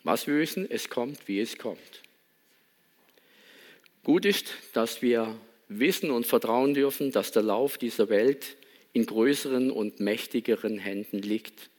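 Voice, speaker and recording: A man's voice: mid-range voice, measured pace, darkish tone. A man giving a sermon in a reflective manner, asking many rhetorical questions and reading a Bible passage. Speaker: pastor.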